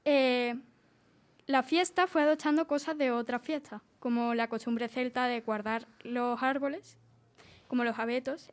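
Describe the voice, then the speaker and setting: A woman presenting a short scripted segment on a casual group show, reading facts in a relaxed way. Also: on the high side.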